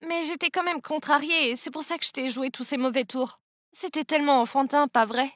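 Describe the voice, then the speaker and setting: A woman's voice: high voice, fairly even intonation, a little fast, a bit bright, no echo, studio quality. A woman voicing a spiteful young woman who turns remorseful, with an emphatic, pleading manner in a narrated story. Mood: apologetic.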